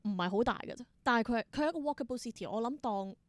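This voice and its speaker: She talks very fast and animatedly, her voice on the high side, with no room sound. The speaker is a young adult theatre performer and creator from Hong Kong, guesting in a casual interview. She chats reflectively in Cantonese-accented speech laced with English words.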